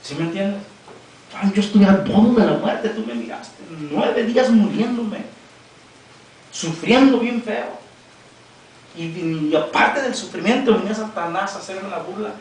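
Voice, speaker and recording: High-voiced preacher in an echoey church. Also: male voice, unhurried, recorded from a distance. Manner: conversational, addressing listeners directly. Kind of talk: sermon. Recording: echoey church room from afar.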